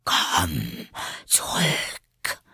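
A woman voicing a lofty, slow-speaking caterpillar in an audiobook, with a drawn-out, whispery delivery. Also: pushed and bright, no echo, clean studio sound. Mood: aloof. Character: slow, aloof blue caterpillar.

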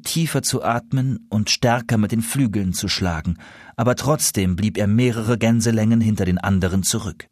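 A male storyteller reading a fairy tale aloud with expressive delivery. His pitch rises and falls a great deal. The recording is close and dry. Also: no echo.

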